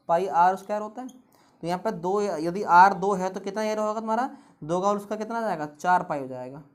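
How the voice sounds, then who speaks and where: A woman teaching an exam-prep math lesson, asking rhetorical questions at every step as she works the problems through. she speaks at an ordinary pitch, patient and methodical. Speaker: math tutor.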